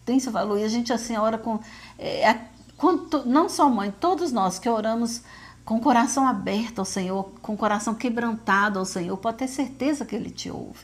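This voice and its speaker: A woman's voice: a little high, a little fast. Brazilian woman, mom telling her faith story, earnest, keeps talking to "gente", lots of repeats. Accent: Brazilian Portuguese. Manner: earnest, addresses listeners as "gente", many fillers and repetitions. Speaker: mother giving testimony. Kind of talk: emotional faith testimony.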